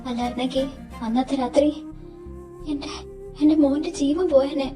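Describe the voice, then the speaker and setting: A woman's voice: high-pitched, steady tone, normal speed, mellow, natural voice. A woman voicing an anxious, devout middle-aged mother who speaks with worried emotion. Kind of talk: fan audio drama acting. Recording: distant recording over background music.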